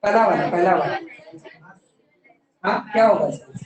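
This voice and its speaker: A woman teaching a maths class, mixing Hindi with English terms, questioning students often and slowing down to dictate definitions. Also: lowish voice, distant mic, a crowd in the background. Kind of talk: classroom lecture. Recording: very echoey classroom, voice from afar.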